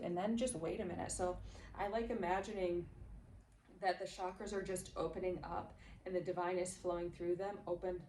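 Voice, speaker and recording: A woman with a low, gravelly voice reads tarot cards for her viewers. She is gentle and encouraging and keeps checking in with them. She sits a little far from the mic, with a faint hum of noise in the background. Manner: gentle, encouraging, checks in with "okay?" and "all right?". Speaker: tarot reader. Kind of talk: intuitive card reading for viewers.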